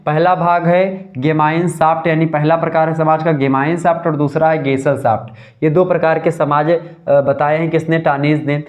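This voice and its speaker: A man giving a live sociology lecture, explaining step by step and repeating the key points. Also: fairly high pitch. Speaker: sociology teacher.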